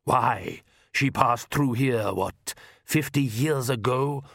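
A man voicing an ancient, courtly male vampire count who speaks slowly and with refined calm. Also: medium pitch, gravelly, no echo, clean studio sound, heavily acted. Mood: wistful. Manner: slow, refined and unhurried.

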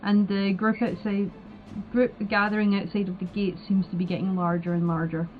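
A woman narrating a tabletop game as game master in a calm, even tone over a video call. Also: medium pitch, normal speed. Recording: tinny call audio with music.

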